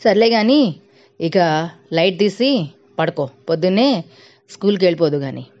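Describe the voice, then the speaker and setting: A woman voicing a stern, exasperated mother who scolds her daughter loudly, in a storybook tale. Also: normal speed, close to an everyday voice. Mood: scolding. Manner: loud, scolding, raised pitch. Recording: dull lo-fi recording.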